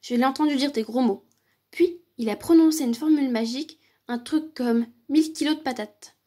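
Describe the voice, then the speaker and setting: A woman reading a children's picture book aloud for a library, with lively, expressive storytelling. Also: sits high, normal speed.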